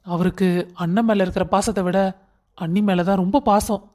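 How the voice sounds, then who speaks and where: A man voicing a calm, reassuring young husband who explains family matters in a cartoon story. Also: high-pitched, moderate pace, lightly acted.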